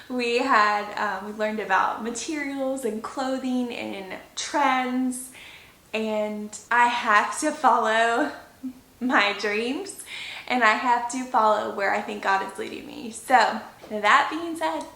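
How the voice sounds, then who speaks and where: Bright, emotional American woman in an echoey room. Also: on the high side. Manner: emotional, confiding, halting. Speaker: content creator, channel host. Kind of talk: personal channel update vlog, casual chat. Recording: roomy echo.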